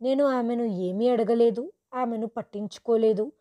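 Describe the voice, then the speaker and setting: A woman telling a first-person story in a steady, earnest scripted narration. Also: on the high side, moderate pace, highs cut off.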